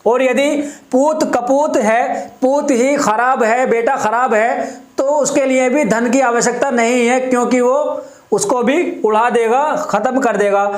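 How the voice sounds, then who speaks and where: A man's voice: very high voice, a little slow, reverberant. A man teaching a grammar lesson. He explains step by step, repeats terms and examples, and often checks in with his listeners.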